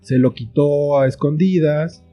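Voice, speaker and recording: A children's book author and screenwriter appears as an interview guest, reflecting on his ideas in short phrases illustrated with examples. His voice is fairly high and dark-toned, and he speaks unhurriedly over soft background music.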